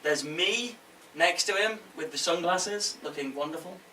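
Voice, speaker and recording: A man gives an informal conference talk in a bright, forceful, slightly high voice. He is conversational and jokey, checking in with his listeners. The sound is roomy and distant from the microphone. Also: a little slow. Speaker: game publisher giving a talk. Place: indoor event room with audience. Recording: echoey room from afar, faint noise.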